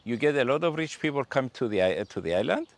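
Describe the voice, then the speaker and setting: Gravelly hesitant man interviewed. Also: mid-range voice, big pitch swings, fast talker. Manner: hesitant, many uh fillers. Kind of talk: interview answer.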